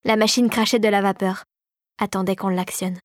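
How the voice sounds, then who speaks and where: A woman narrating an audiobook story in a calm, even storytelling manner. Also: medium pitch, moderate pace, no echo, studio quality.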